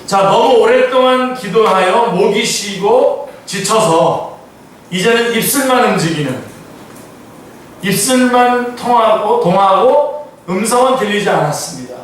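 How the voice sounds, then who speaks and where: A man preaches at an afternoon Bible study, reading scripture and then explaining it with questions to his listeners. His voice sits fairly high. It echoes heavily through the church, recorded from far off with faint room hum behind. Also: lively intonation, a little slow. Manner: reads scripture aloud then explains it, asks the congregation questions. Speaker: pastor. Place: church sanctuary.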